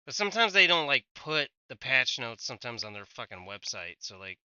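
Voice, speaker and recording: Streamer, adult male, American, laid-back gaming banter, bright tone, dry mic. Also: mid-range voice, sing-song, fairly quick, smooth, no echo, highs cut off. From United States. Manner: casual, swears a lot, trails off mid-sentence. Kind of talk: casual gaming chat.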